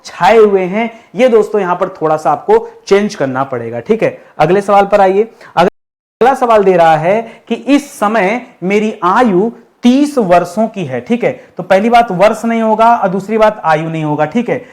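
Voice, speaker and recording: A man teaching an exam lesson, repeating words slowly while writing and asking and answering his own questions. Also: sits high, lively intonation, a little mellow. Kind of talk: classroom-style lesson.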